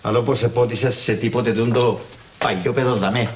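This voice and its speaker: An actor playing a stingy, grumbling old uncle in a sitcom, speaking with a Cypriot Greek accent and theatrical exasperation. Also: male voice, mid-range voice, fairly even intonation, lightly acted. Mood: grumbling refusal. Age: older. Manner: exasperated, theatrical sighing and cursing. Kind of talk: TV sitcom acting.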